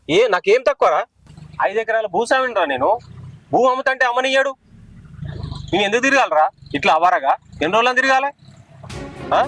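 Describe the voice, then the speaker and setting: A man's voice: high voice, fairly bright tone, poor audio. An actor playing an angry young son with a Telangana Telugu accent who threatens his father to sell the land. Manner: aggressive, threatening. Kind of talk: village short film acting.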